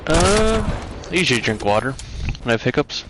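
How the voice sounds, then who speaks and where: A man's voice: medium pitch, animated, fast, background noise. A man streaming a shooter game, chatting casually, rambling and swearing freely. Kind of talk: casual gaming chat.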